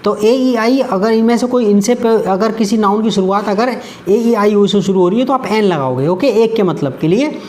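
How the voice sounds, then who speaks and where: Woman teacher going over grammar, keeps repeating stuff, reads examples out slow, middle pitch. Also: a little mellow. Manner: repeats points and reads example sentences slowly. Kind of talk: explanatory lesson.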